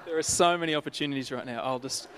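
A man's voice: on the high side, rapid-fire, background noise. A man hosting a church event, introducing the speaker in an upbeat, welcoming way and leading a prayer. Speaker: host.

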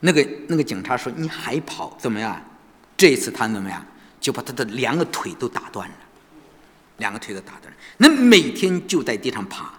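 A man's voice: medium pitch, big pitch swings, a little fast. A man preaching a sermon, telling a story and constantly asking his listeners rhetorical questions. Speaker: pastor. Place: church sanctuary. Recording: long church reverb.

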